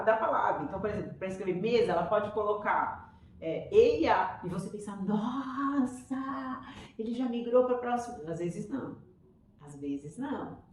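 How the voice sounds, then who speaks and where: Brazilian Portuguese woman teacher, enthusiastic and chatty, mid-pitched, recorded far off in an echoey room. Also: a little mellow, slight background noise. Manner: enthusiastic, chatty, acts out children's voices. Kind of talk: explaining to parents.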